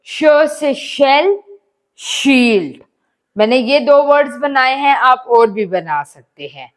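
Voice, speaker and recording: A woman teacher explains textbook exercises and reads English sentences slowly, word by word. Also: a little high. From Pakistan. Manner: switches between slow English reading and explanations in Hindi-Urdu. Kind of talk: recorded lesson explaining a textbook.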